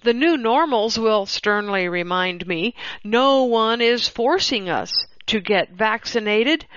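A woman hosting, reading an opinion article aloud in a measured, deliberate way. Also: fairly high pitch, fairly bright tone, dry recording. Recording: dull, slightly lo-fi dry recording.

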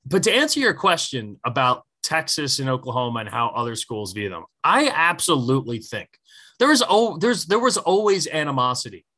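A man co-hosting a casual sports podcast, telling stories in a lively way, swearing freely and acting out what others said. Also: mid-range voice. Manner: animated storytelling, swears freely, acts out quotes. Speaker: podcast co-host.

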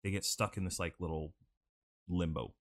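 A man's voice: sits low, fairly even intonation, moderate pace. Young guy rambling through a story on a podcast, lots of likes, mic kinda pointed away from him. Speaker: podcast host. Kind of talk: casual chat. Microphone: studio mic, off-axis.

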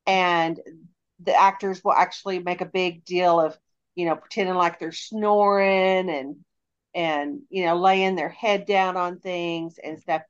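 A woman's voice: lowish voice, steady tone, measured pace, smooth, muffled recording. Chatty woman, haunt operator. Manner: chatty, many fillers. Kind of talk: casual podcast chat.

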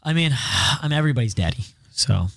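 A man's voice: on the high side, expressive, fast talker, vocal fry, dry recording. A man hosting a podcast in casual banter, brash and joking with his guests, swearing freely. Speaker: podcast host.

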